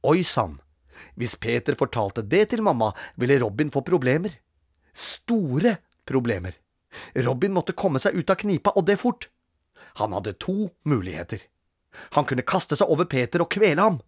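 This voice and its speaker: Expressive storybook narrator, playful timing, animated pitch, dry booth sound. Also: slightly rough, no echo. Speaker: audiobook reader.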